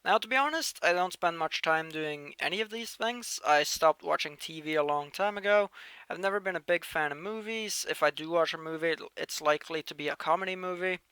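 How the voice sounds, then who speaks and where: A Norwegian guy in his late teens hosts his channel, casually answering viewer questions in a chatty Q&A monologue. His voice sits fairly high and moves quickly and smoothly, with frequent restarts, bursts of emphasis, and lively swings in loudness. There's no room sound.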